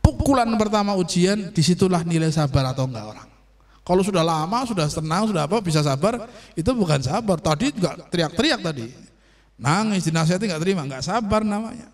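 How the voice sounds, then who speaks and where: A man teaching an online sermon on Sufi patience, explaining slowly and checking that his listeners understand. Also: sits high, expressive. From Indonesia. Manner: explains slowly, asks "understand?" often, acts out quoted voices. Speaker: religious teacher.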